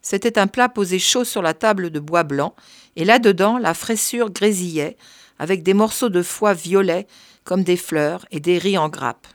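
A woman narrating a story in a measured, even reading voice. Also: lowish voice, no echo, studio quality. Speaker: reader.

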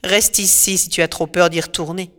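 A woman's voice: on the low side, steady tone, normal speed, fairly bright tone, close to an everyday voice. A woman voicing a determined male hero captain who speaks firmly and with resolve, in a reverberant storybook recording with faint music behind. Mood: resolute. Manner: firm and resolute.

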